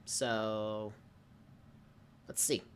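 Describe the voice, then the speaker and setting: A man's voice: fairly low pitch, level tone, extremely slow, slight background noise. A young man giving a casual music reaction, enthusiastic and rambling with lots of fillers. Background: faint music playing.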